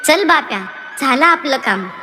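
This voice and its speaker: An old male sage from a devotional story, blunt and earthy, who orders people about, as a woman puts him on. The voice sits high and rings in a long reverb, with faint music underneath. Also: expressive, normal speed. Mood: gentle.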